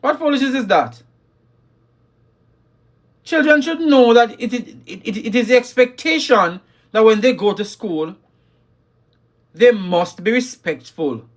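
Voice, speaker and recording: A man's voice: high voice, expressive, measured pace. A man hosting a live talk on parenting, emphatic and scolding, repeating his key lines and reading viewer comments. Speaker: livestream host.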